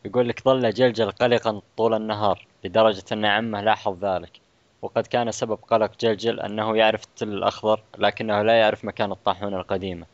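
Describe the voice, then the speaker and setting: Fast man reading casually. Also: lowish voice, level tone, no echo, muffled recording. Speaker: reader. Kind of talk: casual read-aloud of a children's mystery.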